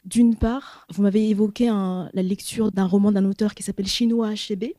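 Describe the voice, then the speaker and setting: A woman's voice: mid-range voice, fairly even intonation, normal speed, mellow, no room sound. A woman in the audience of a public talk sharing a careful, reflective comment with many hesitations.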